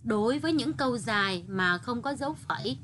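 A Vietnamese woman teaching first graders to read, sounding out each word slowly and carefully. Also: on the high side, expressive, fairly bright tone, a little hiss or hum. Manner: over-articulated, patient, sounding out each word. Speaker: primary school teacher. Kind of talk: slow, careful reading lesson for first graders.

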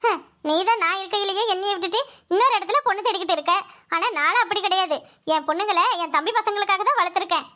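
A woman's voice: very high voice, fast talker, bright, forceful tone. A woman playing a haughty, rich cartoon mother. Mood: curt. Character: proud, wealthy mother of the groom.

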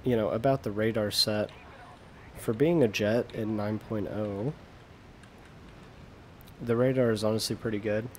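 A man's voice: fairly low pitch, fairly even intonation, a little slow, pauses often, a little hiss or hum. A young American man giving casual, self-deprecating commentary over gameplay, often trailing off mid-sentence. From United States. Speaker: gaming video creator.

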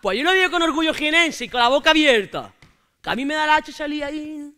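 A woman playing a cocky young Andalusian man from Jaén who heckles loudly from the audience, calling out to the teacher. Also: sits high, animated, fast talker. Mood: defiant. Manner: brash, indignant, keeps calling out "maestra". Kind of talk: stand-up character sketch on stage.

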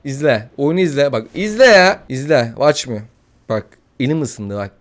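A man giving casual, excitable gameplay commentary, swearing, joking and trash-talking his opponents. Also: mid-range voice, normal speed. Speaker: gaming YouTuber.

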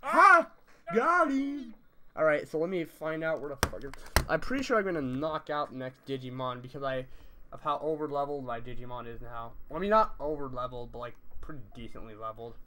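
A man's voice: medium pitch, fast, fairly bright tone, slight background noise. A man streaming a video game and chatting casually, rambling and losing his train of thought as he plays. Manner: rambling, scattered, trails off mid-sentence; swearing, laughing it off. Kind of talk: casual chat while gaming.

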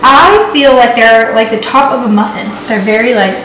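A woman's voice: fairly high pitch, moderate pace. A young woman hosting a casual baking video in her home kitchen, joking and chatting in a bubbly, playful way, recorded by a camera set back from her. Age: young adult. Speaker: vlogger. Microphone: far camera. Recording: echoey kitchen with noise.

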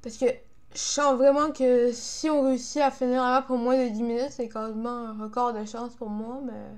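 A woman's voice: a little high, little pitch movement, moderate pace, a little mellow, clear, resonant tone. A young woman with a Quebec French accent doing casual gaming commentary, frustrated, grumbling and swearing as she plays. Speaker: gamer, video creator.

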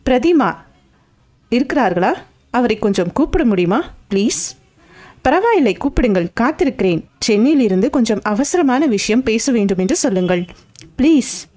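A woman's voice: fairly high pitch, sing-song, moderate pace, warm tone, dry recording. A woman voicing a cheeky, teasing young male assistant lawyer in an audiobook. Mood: eager. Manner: teasing, playful. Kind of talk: audiobook character voice.

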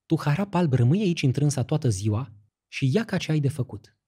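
A man voicing a wise old holy woman, giving calm, measured instructions in an audiobook fairy tale. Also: fairly high pitch, breathy edge. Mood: instructing.

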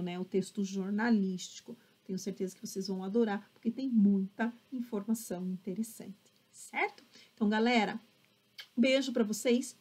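A woman's voice: a little high, a little mellow. A Brazilian woman teaching an online class, upbeat, checking in with her students often. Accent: Brazilian Portuguese.

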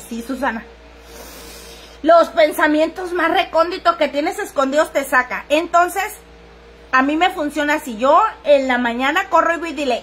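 High-pitched woman, earthy crude livestream chatter, faint hum behind. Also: fairly bright tone. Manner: earthy, crude, chatty, reads viewers' comments aloud. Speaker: livestream seller. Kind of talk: casual livestream chat.

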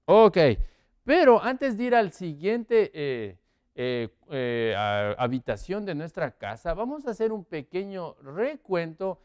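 A man teaching English vocabulary, quizzing viewers with multiple-choice options and drawing out the English words slowly for pronunciation. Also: high-pitched, very animated, a little mellow, clean tone. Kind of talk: English vocabulary lesson in Spanish.

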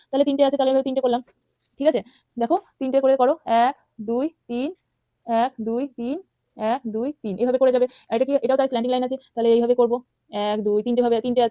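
A woman's voice: high-pitched, warm tone, no echo, clean studio sound. A woman teaching young children from a workbook, patiently coaxing them and counting out letters and strokes one by one. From West Bengal.

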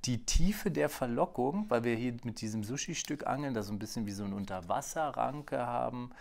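A man's voice: medium pitch, fairly quick, creaky, a little mellow. A man co-hosting a board game video, talking casually through his turn and counting cards under his breath. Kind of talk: casual let's play commentary.

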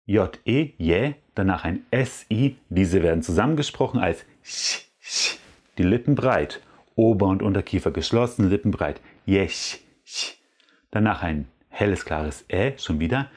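A man hosting a language lesson, repeating words slowly and carefully to drill their pronunciation. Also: low-pitched, expressive, a little mellow, slightly rough. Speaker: language teacher and channel host.

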